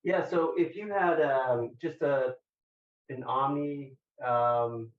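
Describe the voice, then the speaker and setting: A man on a thin, phone-like remote connection, distant and full of echo. His pitch is average, and he puts technical questions as an examiner in a halting, measured, collegial way. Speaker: examiner questioning a thesis candidate.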